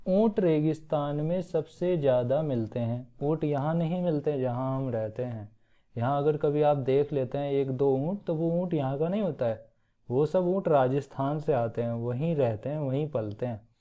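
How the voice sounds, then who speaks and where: A man teaching young children, explaining a poem slowly, reciting it in a sing-song way and often checking that they follow. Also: fairly high pitch. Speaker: primary school teacher. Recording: tinny phone-like audio.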